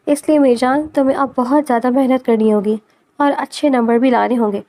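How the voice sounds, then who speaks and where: A woman voicing a young male professor in a storybook romance, speaking softly, affectionately and with a teasing edge. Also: sits high, steady tone, close to an everyday voice. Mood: tender.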